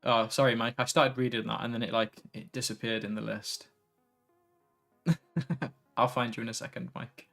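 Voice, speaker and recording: Tired, gravelly man streaming. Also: medium pitch, moderate pace, long pauses, faint music behind. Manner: relaxed, tired, easily sidetracked, reads chat aloud. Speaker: tech streamer. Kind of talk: casual live stream chat.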